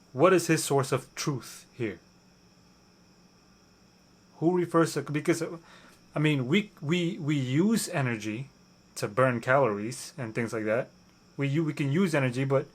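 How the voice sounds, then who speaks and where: A skeptical man pushing back on a video he is watching. He talks at an even, middling pitch and keeps restarting his sentences, repeating phrases as he corrects the speaker. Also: moderate pace, long pauses. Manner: skeptical, rebutting claims. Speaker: ex-pastor reacting to a video. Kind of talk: reaction commentary.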